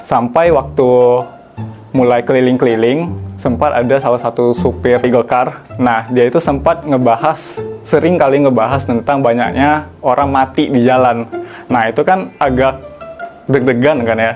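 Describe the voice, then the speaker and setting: Mahasiswa pria dari Riau, usia dua puluhan, bertutur cepat dan ringan. Nadanya sedang, dengan musik samar di belakang. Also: male voice, mid-range voice, fairly even intonation, normal speed, a little mellow, soft background music. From Riau, Indonesia. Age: 20s. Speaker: university student. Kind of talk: casual interview answers.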